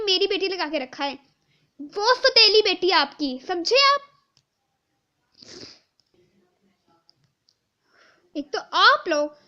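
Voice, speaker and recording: A woman playing a loud scolding stepmother. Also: very high voice, highs cut off, full character voice. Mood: angry. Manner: shouting, scolding.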